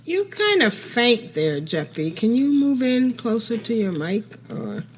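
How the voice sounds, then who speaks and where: Female podcast co-host, lively intonation, brief attentive interjections. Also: on the high side, measured pace, a little hiss or hum. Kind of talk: casual gaming chat.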